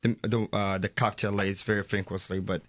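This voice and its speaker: A man from Morocco, a head mixologist answering interview questions in a halting way, with many fillers and easy laughs. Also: lowish voice, level tone, a bit bright, slight background noise. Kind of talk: casual radio interview.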